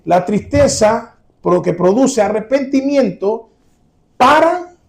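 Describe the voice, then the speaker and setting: A man's voice: very high-pitched, expressive, takes it slowly, vocal fry. A man preaching a sermon to his congregation, earnest and direct, repeating his key points.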